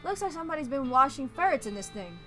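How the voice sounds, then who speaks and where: A high-pitched woman with a very lively, swooping voice chats through a game stream, giggling often and reading the on-screen text aloud. Game music plays behind her. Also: quick pace. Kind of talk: casual let's-play chat.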